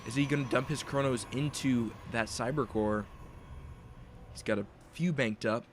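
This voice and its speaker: A man's voice: medium pitch, moderate pace, slight background noise. A young man giving play-by-play commentary on a strategy game, speculating on each move as it happens. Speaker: esports caster.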